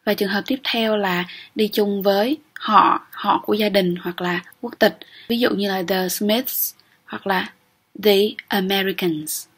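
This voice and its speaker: A woman's voice: mid-range voice, steady tone, unhurried, fairly bright tone, slightly rough. A young woman teaching English grammar in an exam-prep lecture, explaining step by step and often checking with "ok?".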